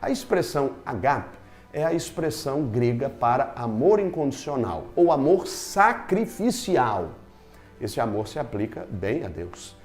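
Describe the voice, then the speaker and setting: A man leads a Bible study lesson in a mellow, warm voice. He explains his points one at a time, with emphatic stress. Soft music plays faintly underneath. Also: medium pitch, sing-song, unhurried.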